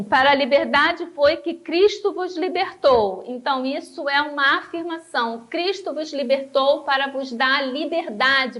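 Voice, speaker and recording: A woman with a Brazilian Portuguese accent and a high voice teaches a church Bible lesson. She talks straight to her listeners, calls them brothers, and slows right down to hammer home the words that matter. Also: fairly bright tone. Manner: emphatic, slows down to stress key words; addresses listeners directly as brothers.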